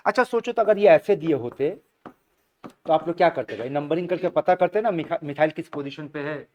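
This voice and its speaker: A man, his voice sitting a little high, drills a classroom through questions. He repeats each answer back and coaxes the students onward in a patient teaching manner. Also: fairly quick, a little mellow, dull audio, a little hiss or hum. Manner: coaxing, repeats answers, calls students beta. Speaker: chemistry teacher.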